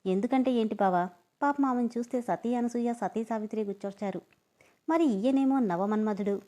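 A woman's voice: fairly high pitch, normal speed, warm tone, close to an everyday voice. A woman reading a story aloud, voicing a whiny young man who pleads and protests indignantly to his friend. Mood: pleading.

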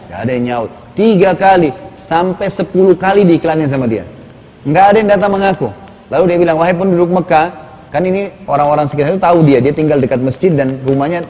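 A male preacher telling a story in a sermon, lively and conversational, with casual asides to his listeners. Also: mid-range voice. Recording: reverberant hall, faint background noise.

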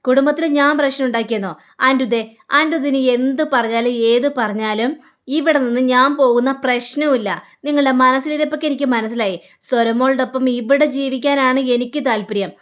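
A woman playing a proud young wife in a retold TV serial scene, defiant and sharp-tongued. The voice sits somewhat high and stays close to the storyteller's own everyday voice. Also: fairly quick, lightly acted.

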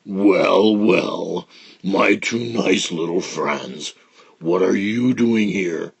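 A man voicing a big hungry alligator in a storybook reading, talking in a slow, coaxing drawl. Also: low-pitched, vocal fry, husky, heavily acted. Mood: sly. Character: big hungry male alligator, sly and menacing.

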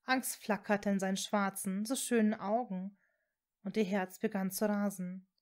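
Lady reading fanfic out loud, super slow and calm, normal pitch. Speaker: fan fiction reader. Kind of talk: audiobook narration.

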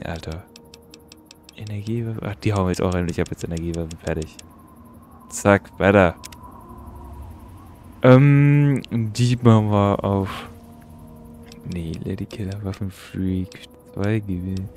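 A man's voice: on the low side, a little slow, pauses often, darkish tone, slight background noise. A young man giving casual, slangy let's-play commentary and swearing at the game. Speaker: gaming YouTuber.

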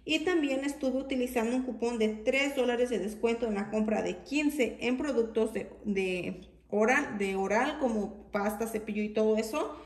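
A woman's voice: fairly high pitch, normal speed, echoey room. A woman vlogger chatting casually as she goes over store deals and coupons, listing prices step by step. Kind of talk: casual haul walkthrough.

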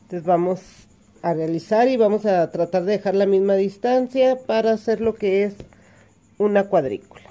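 A woman's voice: mid-range voice, moderate pace, dark tone. A woman giving a patient step-by-step hand embroidery lesson, explaining each stitch as she works. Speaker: embroidery teacher.

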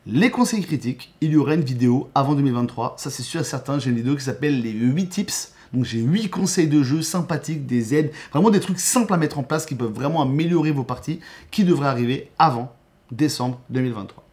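A man's voice: medium pitch, lively intonation, brisk, a little mellow. A man, a YouTube host and game master, giving a casual channel update with enthusiasm and frequent restarts.

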